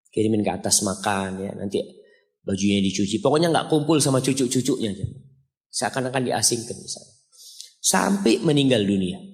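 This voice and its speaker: A man preaching a sermon, telling a story and climbing to high, emphatic passages. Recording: long hall reverb.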